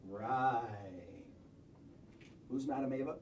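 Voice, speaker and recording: A man's voice: mid-range voice, very slow, darkish tone. A man performing narration and dialogue in a comic puppet show. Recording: distant mic with light noise.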